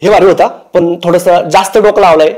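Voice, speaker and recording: Mocking man roasting with a high voice. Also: steady tone, brisk, a little mellow, a little hiss or hum. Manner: mocking, teasing. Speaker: roast host. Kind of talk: comic roast commentary.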